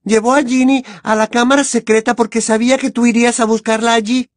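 A woman's voice: a little high, level tone, fast, no room sound, studio quality, lightly acted. A woman voicing a clever, anxious teenage girl witch who talks with urgent earnestness. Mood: urgent, pleading.

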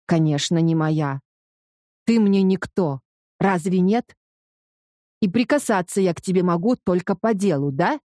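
A woman's voice: fairly low pitch, unhurried, long pauses, mellow, no echo, clean studio sound, close to an everyday voice. A woman voicing a hurt, insistent young man who is pleading with his lover in an audiobook. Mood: bitter.

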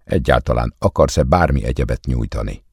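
A man with a very deep, husky voice voicing a defiant young woman who answers bitterly in an audiobook. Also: dry recording, studio quality.

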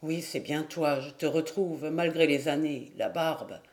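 A woman reading an audiobook, voicing a grief-stricken young husband in a low, broken, tearful voice. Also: takes it slowly, a little mellow. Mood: grieving.

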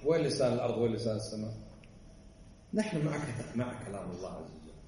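A man's voice: lowish voice, big pitch swings, fast, dark tone. A man teaching a religious text in a lecture. He speaks emphatically and keeps firing rhetorical questions at his listeners. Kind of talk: lecture explaining a classic text. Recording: echoey hall, voice far from the mic, faint background noise.

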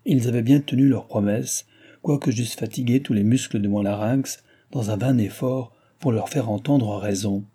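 A man narrates a classic novel in a steady, literary reading style. His voice is very dark and mellow, with a husky grain, and his pitch sits in the ordinary middle range. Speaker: audiobook narrator.

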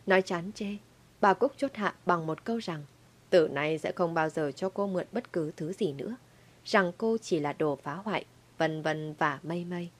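A woman narrating a dramatic audio story in a lively storytelling manner. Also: fairly low pitch, normal speed.

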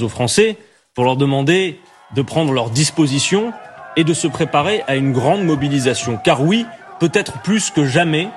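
A man, a politician, delivering a measured, forceful political address. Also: mid-range voice. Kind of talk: political speech.

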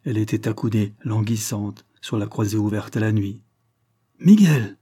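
Husky low-voiced man reading aloud. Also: monotone, fairly quick, warm tone. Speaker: reader. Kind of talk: dramatic literary reading.

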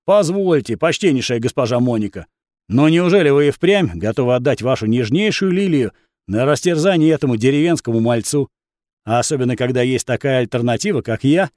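A man voicing a vain, boastful young swordsman who talks down to others and loses his temper fast. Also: a little high, big pitch swings, darkish tone, no echo, clean studio sound. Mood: cocky. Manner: boastful, contemptuous, hot-tempered.

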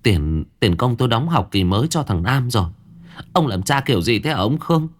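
A man's voice: big pitch swings, a little fast, darkish tone. A man voicing a poor, beaten middle-aged mother who pleads tearfully in a raised, strained voice. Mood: pleading. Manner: tearful, begging, high strained pitch.

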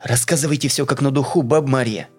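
A man's voice: medium pitch, normal speed, soft background music, lightly acted. A man voicing a blunt, determined young woman who presses with direct questions. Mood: insistent.

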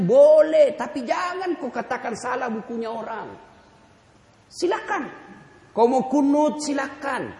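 A man preaching a lively sermon, firing rhetorical questions at the audience and joking. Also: extremely high pitch. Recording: echoey hall reverb.

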